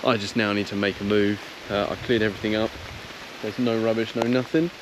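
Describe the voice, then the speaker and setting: A man talking casually and a little haltingly to his viewers in a relaxed, understated camping vlog, recorded outdoors in woodland. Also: lowish voice. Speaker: vlogger. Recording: clearly noisy outdoor ambience.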